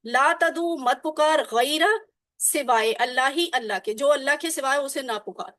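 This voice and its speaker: A woman's voice: high voice, fairly bright tone, dry recording. A woman teacher explaining grammar patiently and drilling phrases again and again with her class. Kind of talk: online class lesson.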